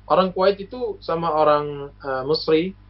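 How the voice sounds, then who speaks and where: A man's voice: fairly high pitch, moderate pace. A man from Lombok, Indonesia, a university alumnus and guest, explaining things in a casual chat, patient and lecturing, with many hesitations and examples. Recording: muffled lo-fi recording.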